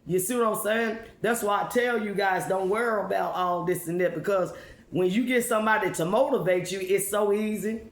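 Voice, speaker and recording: A woman's voice: medium pitch, moderate pace. A woman giving an informal motivational testimony, speaking emphatically and repeating herself with rhetorical questions. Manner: emphatic, repetitive, with rhetorical questions and check-ins. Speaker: spiritual speaker addressing followers. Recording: echoey room.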